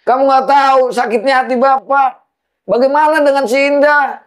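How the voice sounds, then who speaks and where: This is low-budget film acting: a furious man, cast as a middle-aged father, confronts his son-in-law. He speaks at normal speed in a very high voice with fairly even intonation, his tone scolding, insistent and confrontational.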